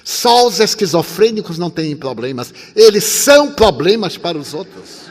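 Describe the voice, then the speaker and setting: An older man in his eighties preaches in a high, bright voice that rings with a long hall reverb. He tells his story animatedly, dropping to a hush and rising again as he acts out each exchange. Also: normal speed. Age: 80s. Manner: animated, swings from loud to soft, acts out dialogue. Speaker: spiritist speaker. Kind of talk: sermon with storytelling.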